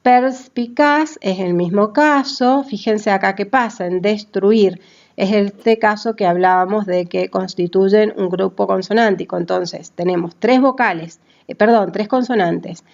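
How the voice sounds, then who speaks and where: A woman teaching a grammar lesson at a slow, measured pace. She breaks words into letters and syllables and often checks that her listeners follow. The recording sounds dull and a little lo-fi. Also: mid-range voice, gravelly, a little mellow. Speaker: language teacher. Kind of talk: classroom grammar explanation.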